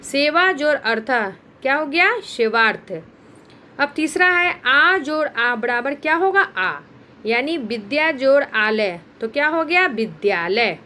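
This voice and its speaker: A woman's voice: high voice, expressive, measured pace, bright, forceful tone. A woman teacher with a Bihari Hindi accent, patiently explaining a grammar lesson step by step and answering her own questions. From India. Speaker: school teacher.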